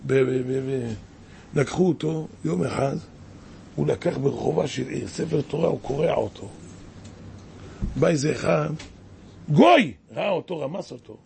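A man's voice: medium pitch, gravelly, a little mellow, a little hiss or hum. A man preaching a sermon as a rabbi, impassioned and exclaiming, with many rhetorical questions.

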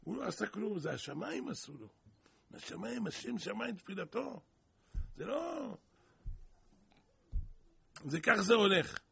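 A man giving a sermon through parables, telling stories in an animated way with sudden loud bursts of emphasis. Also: high voice, long pauses. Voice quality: gravelly, raspy. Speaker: preacher.

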